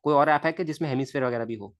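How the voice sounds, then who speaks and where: A man's voice: fairly high pitch, rapid-fire, dry recording. Chatty male physics teacher, dry sound. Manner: chatty, mutters to himself while drawing. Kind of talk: live online lecture.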